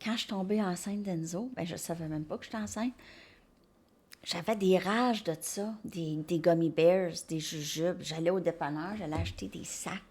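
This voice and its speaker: A woman's voice: on the low side, normal speed, a little mellow, slightly rough. A woman with a Québécois accent giving a casual, chatty tarot card reading. She talks in an upbeat way and thinks aloud between cards. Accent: Québécois French. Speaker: tarot reader.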